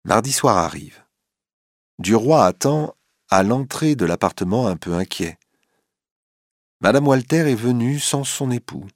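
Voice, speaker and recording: Man, narrator, storybook reading, animated pitch, dry close recording. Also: a little slow, long pauses, dry recording. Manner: expressive, dramatic reading.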